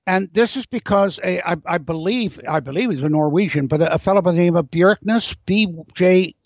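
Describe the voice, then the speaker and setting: A man's voice: high-pitched, moderate pace, no echo. An older English-born man with a North American accent, explaining things at length as an interview guest. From England. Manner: lecturing, digressive storyteller. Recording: dull lo-fi audio.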